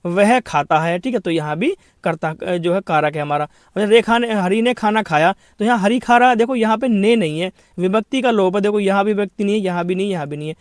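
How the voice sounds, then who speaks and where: A man with a high voice teaches an exam-prep grammar lesson. He poses questions and answers them himself, repeating each point. The recording is dry and close. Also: quick pace, hardly any pauses, no echo. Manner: explains then repeats each point, asks and answers his own questions; addresses students as brother.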